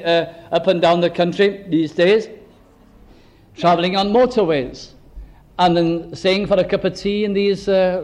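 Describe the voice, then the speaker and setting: An older man preaching a sermon earnestly, slowing down to stress key phrases. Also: high-pitched, low-quality recording.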